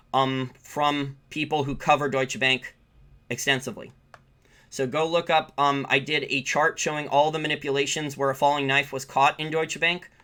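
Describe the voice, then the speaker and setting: Here an American man hosting a finance channel answers viewers' live questions with casual, opinion-driven market commentary that he makes up as he goes. His mid-range voice is pushed and bright, and he leans on repetition for emphasis.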